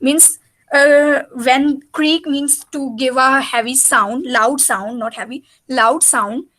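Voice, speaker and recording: A woman's voice: high-pitched, fairly even intonation, slow, fairly bright tone. A woman tutoring in an informal reading lesson, explaining a story hesitantly and repetitively in simple words. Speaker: mother tutoring her child in English reading.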